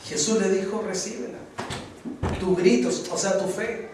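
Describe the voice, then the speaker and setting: High-voiced pastor preaching in an echoey church. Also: male voice, normal speed. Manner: rhetorical questions to the congregation. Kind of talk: sermon. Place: church hall. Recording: echoey church, distant mic, noisy.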